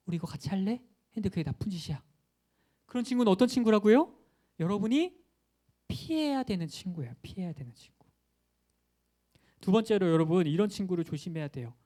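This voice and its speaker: A man's voice: sits high, mellow. A young male pastor giving a playful children's sermon, asking questions and acting out quotes.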